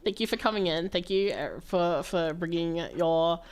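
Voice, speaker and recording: A woman livestreamer chatting casually with her viewers while gaming, animated and playfully dramatic, given to exclaiming and pleading. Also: on the low side, moderate pace. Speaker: livestreamer hosting a game stream.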